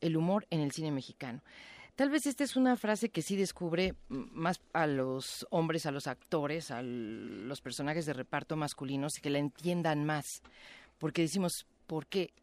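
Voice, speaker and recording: A man's voice: fairly high pitch, moderate pace, dry recording. A man interviewing a guest, asking questions and often breaking in with short agreement. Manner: attentive, frequent short agreement.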